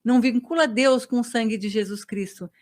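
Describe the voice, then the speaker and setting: A woman telling her faith testimony as a podcast guest, a lively storyteller who acts out dialogue. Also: fairly high pitch, fairly quick. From Brazil.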